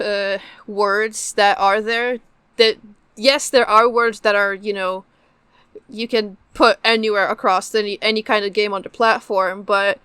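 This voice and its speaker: Her voice bright and medium-pitched, with a forceful yet clean tone and no echo, a young Polish-native game translator and developer chats casually while answering questions as an interview guest.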